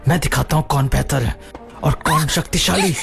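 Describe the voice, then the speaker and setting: A man's voice: fairly high pitch, normal speed, vocal fry. An actor playing an arrogant young male villain who sneers and boasts, then whimpers when beaten, in a Hindi drama dub. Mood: menacing. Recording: soft music behind the voice.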